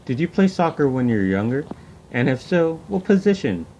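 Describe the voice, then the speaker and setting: A man's voice: mid-range voice, big pitch swings, moderate pace, warm tone, slight background noise, low-quality recording. A man hosting a video and asking interview questions in a plain, scripted manner.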